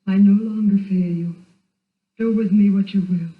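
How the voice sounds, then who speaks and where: An actress playing a desperate young Egyptian priestess in a 1930s horror film, with theatrical, melodramatic pleading. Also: female voice, mid-range voice, fairly even intonation, moderate pace, close to an everyday voice. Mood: defiant. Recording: distant, echoey, dull 1930s film soundtrack with music.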